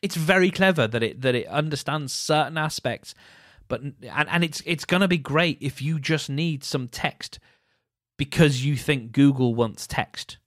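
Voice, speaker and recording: A man's voice: medium pitch, a little slow, fairly bright tone, no echo. Wry man reviewing in dry sound. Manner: wry, mocking, lots of restarts and repeats. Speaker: podcast host. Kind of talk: casual solo commentary.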